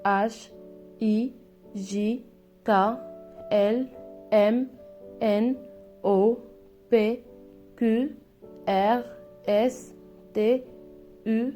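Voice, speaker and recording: A woman with a Moroccan Arabic accent giving a patient language lesson, repeating each word slowly. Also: fairly high pitch, dark tone. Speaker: French teacher.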